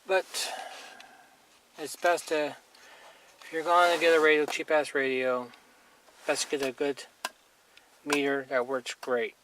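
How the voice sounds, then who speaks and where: A hobbyist reviewer demonstrates radio gear hands-on, talking casually in a blunt, plain, slightly crude way. His voice is on the high side and fairly bright, with a flat, slow delivery full of pauses. The amateur recording is noisy and has clicks.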